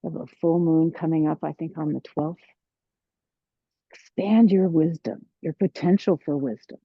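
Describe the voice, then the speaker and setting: A woman teaching a tai chi class, giving serene, encouraging, unhurried movement cues. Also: sits low, husky. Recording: roomy, dull lo-fi sound.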